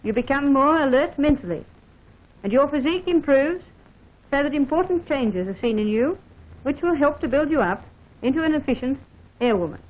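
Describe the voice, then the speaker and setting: Formal, scripted training film narration comes from an Australian woman officer who speaks straight to the listener with instructions. Her voice is high-pitched and lively in intonation at moderate speed, and the recording sounds dull and band-limited, like a vintage film soundtrack.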